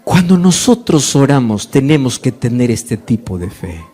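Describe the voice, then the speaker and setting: A man's voice: mid-range voice, big pitch swings, moderate pace, warm tone, husky. A male pastor preaching a sermon, acting out dialogue and asking the congregation rhetorical questions.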